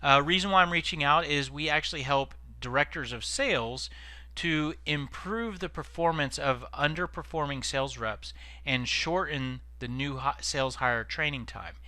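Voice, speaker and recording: Salesman leaving a cold-call voicemail, demonstrated by a male trainer: bright, dry sound, polite scripted business delivery. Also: fairly high pitch, moderate pace, no room sound. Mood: polite, businesslike.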